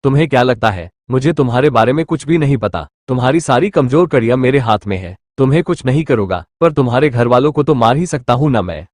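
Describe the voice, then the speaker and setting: A man voicing a rich, possessive young husband who speaks calmly, teases and threatens, in a storybook reading. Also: mid-range voice, fast, few pauses, no room sound, clean studio sound, lightly acted. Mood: teasing. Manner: calm, teasing, menacing.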